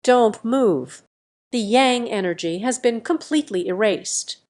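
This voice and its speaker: A woman reading the lines of a sly, scolding old male country healer in an audio story, with a gruff, teasing manner. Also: on the high side, lively intonation, measured pace, a little mellow.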